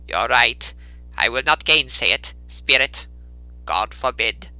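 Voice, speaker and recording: A man voicing an emotional elderly man, earnest and easily moved, who exclaims fondly and forcefully in a storybook reading. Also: medium pitch, expressive, takes it slowly, clean tone, no room sound, exaggerated voice. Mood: earnest, remorseful.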